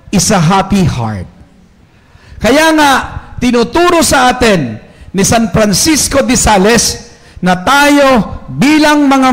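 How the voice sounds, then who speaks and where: A man preaches a sermon at an unhurried pace, his voice sitting noticeably high for a man. He talks in a chatty, storytelling way, slipping into the voices of the people he quotes. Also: fairly bright tone. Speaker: priest.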